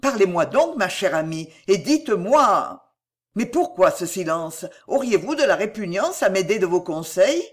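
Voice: mid-range voice, very animated, measured pace. A reader voicing an ardent young man, earnest and imploring, in an audiobook of a classic novel.

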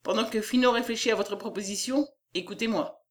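Woman voicing a firm male journalist, measured, fairly high, audiobook. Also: distant mic, close to an everyday voice. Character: male journalist, calm go-between.

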